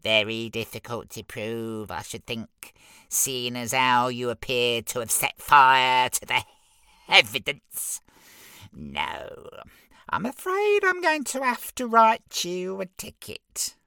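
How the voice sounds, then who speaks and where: A man's voice: medium pitch, lively intonation, takes it slowly, bright, forceful tone, clean tone, no echo, studio quality, voice pushed up, full character voice. A man voicing a fussy, officious little male imp with a prim, wheedling drawl.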